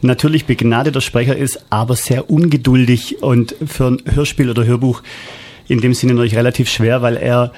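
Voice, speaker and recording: A man's voice: mid-range voice, fairly even intonation, fairly quick, a little mellow. A man who produces audiobooks, talking casually as a guest with many hesitations. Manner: anecdotal, hesitant with many fillers. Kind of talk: casual interview talk.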